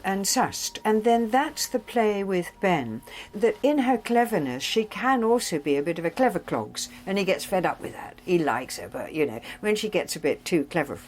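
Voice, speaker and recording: An older actress and narrator talking in a behind-the-scenes interview, emotional and effusive, and quick to laugh. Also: female voice, mid-range voice, a little hiss or hum, low-quality recording.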